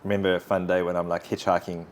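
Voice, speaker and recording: Man, very low voice, earnest reflective storytelling, interview guest. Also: little pitch movement, quick pace, slight background noise. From South Africa. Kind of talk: conversational personal testimony.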